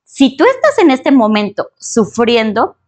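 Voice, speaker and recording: A woman with a Mexican Spanish accent, a spiritual therapist speaking as a guest in an expressive, emphatic podcast interview. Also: a little high, unhurried. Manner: expressive and emphatic, with exclamations and repetitions.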